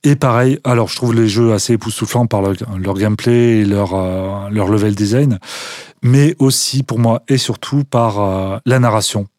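A man's voice: on the low side, moderate pace, a little mellow, no room sound, clean studio sound. A man speaking as a guest on a casual radio interview, enthusiastic but hesitant, with many fillers. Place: radio studio.

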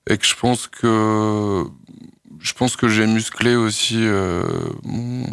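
On a radio interview, a young French singer-songwriter gives thoughtful, halting answers peppered with pauses and fillers. His pitch is fairly low with a slightly bright tone, captured in clean studio sound with no echo.

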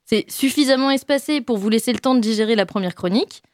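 A young woman delivering a comic chronicle in a chatty, self-mocking way, full of quick asides to her listeners. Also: fairly high pitch, darkish tone, no room sound, clean studio sound. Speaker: radio columnist. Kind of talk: comic monologue column.

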